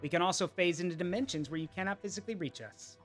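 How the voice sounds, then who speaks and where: A player reading a calm, menacing evil AI in a video game, cold, measured and formal. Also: mid-range voice, faint music behind, close to an everyday voice. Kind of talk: reading game dialogue aloud.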